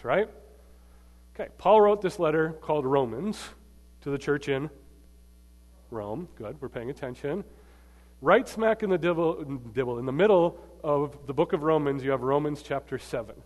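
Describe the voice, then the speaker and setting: A man preaching a sermon to a live congregation, emphatic, swinging between loud bursts and quiet asides and quizzing the audience. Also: on the high side. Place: large church hall. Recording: long hall reverb.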